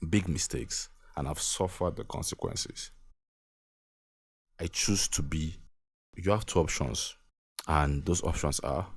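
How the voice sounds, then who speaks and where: Speaking in a very deep, husky voice on a dry recording, a young Nigerian podcaster offers an earnest motivational talk. He keeps circling back to the same points and lets out little laughs along the way.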